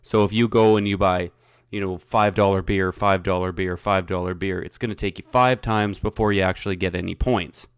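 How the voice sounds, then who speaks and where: A man's voice: deep voice, fairly even intonation, brisk, smooth, no echo. A man co-hosting a podcast, chatting casually and joking, sitting close to the mic. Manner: joking, swears freely. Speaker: podcast co-host. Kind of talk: casual chat.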